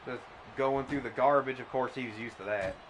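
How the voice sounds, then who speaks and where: A man doing comedic mock wrestling commentary, deadpan and absurd, often stammering into restarts. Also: mid-range voice, a little fast. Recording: noisy background.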